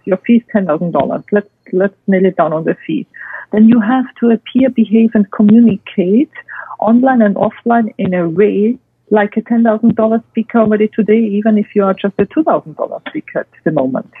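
A woman's voice: mid-range voice, brisk, slightly rough, no room sound. A woman with a non-native English accent gives structured expert advice, emphatically listing and repeating her points. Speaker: guest expert and speaker. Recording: tinny phone-like line, dry.

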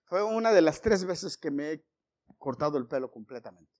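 A man's voice: on the high side, animated, normal speed, a little mellow. A middle-aged man preaching a sermon, telling stories with jokes and calling his listeners brothers. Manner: storytelling with jokes, addresses congregation as brothers.

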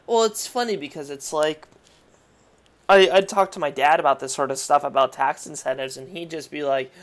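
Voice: mid-range voice, moderate pace. A film industry worker in a casual podcast chat, talking in a chatty way, with lots of "like" and restarts mid-sentence.

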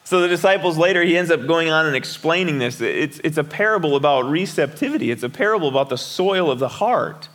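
A man's voice: fairly high pitch, expressive, a little fast, few pauses, a bit bright. A middle-aged man preaching a sermon as a pastor in a conversational way, often repeating words and asking the listeners questions.

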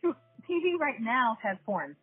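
A woman in her thirties or forties from the New York area, hosting a casual chat and telling stories in an animated way. She laughs often and talks straight to her listeners. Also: on the high side, measured pace, breathy edge, no echo. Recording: tinny phone-like line, dry, faint music.

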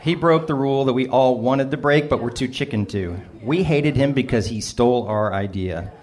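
A middle-aged man reads his own humorous personal essay aloud in a medium-pitched, slightly mellow voice at normal speed. His first-person storytelling is wry, with a dry, self-mocking delivery.

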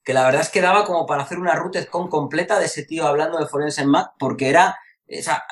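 Man, security instructor on a podcast; rambling, colloquial, voice on the higher side. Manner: rambling, self-interrupting, colloquial. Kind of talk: casual podcast chat.

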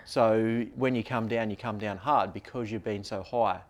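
A man's voice: on the low side, steady tone, normal speed. A man co-hosting a podcast, explaining things in a loose, rambling, casual way. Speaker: podcast co-host.

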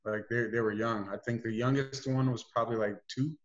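A man being interviewed on a podcast, telling a family story in an easygoing, halting way. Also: mid-range voice, steady tone, lo-fi sound. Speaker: podcast guest. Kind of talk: casual interview chat.

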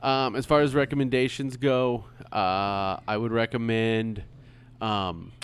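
A man's voice: mid-range voice, fairly even intonation, measured pace, clean tone. Rambling man hosting a podcast. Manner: rambling, many ums and restarts. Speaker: podcast host. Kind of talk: casual chat.

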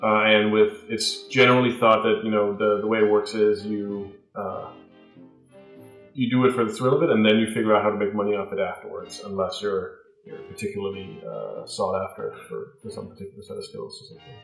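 A man narrating a tabletop game as game master, with a halting delivery full of fillers. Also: lowish voice, creaky, fairly bright tone, echoey room, soft background music, low-quality recording.

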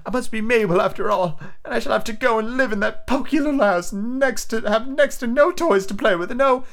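A man's voice: very high voice, a little fast, creaky, fairly bright tone, pitched above the performer's own voice, exaggerated voice. A man voicing Alice, a fussy, puzzled little girl who talks to herself. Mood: plaintive. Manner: prim and fretful, talking to herself.

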